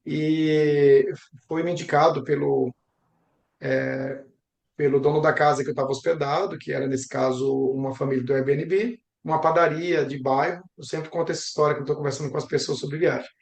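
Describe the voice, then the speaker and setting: A young Brazilian man with a creaky, somewhat high voice and fairly even intonation speaks at normal speed. As a geography professor interviewed about travel, he gives chatty, reflective answers and stories, often ending with little tag questions. The room sounds roomy and echoing.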